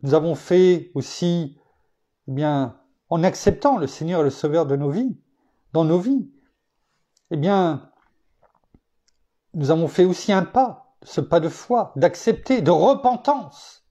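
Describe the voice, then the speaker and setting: A male preacher from France delivers a sermon in a warm, mellow voice. He teaches reflectively, weaving in personal anecdotes. He stresses key points by lifting his pitch emphatically. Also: expressive, slow, pauses often.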